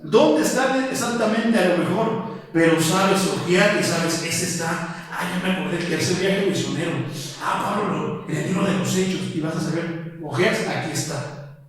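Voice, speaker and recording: A Mexican man preaching a sermon as pastor, emphatic and full of rhetorical questions. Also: high voice. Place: church prayer hall. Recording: echoey hall from far off.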